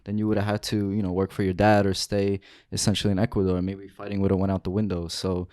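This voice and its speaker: A man's voice: deep voice, little pitch movement, fast talker, a little mellow, no echo, clean studio sound. A man co-hosting an interview podcast, reflecting at length before asking his question. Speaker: podcast co-host.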